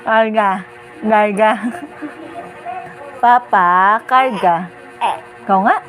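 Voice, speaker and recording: Slow, coaxing mother from the Philippines. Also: medium pitch, a bit bright, rough recording. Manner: slow, repetitive, coaxing baby talk. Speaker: mother and family vlogger. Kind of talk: teaching a baby first words. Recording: background music over the voice.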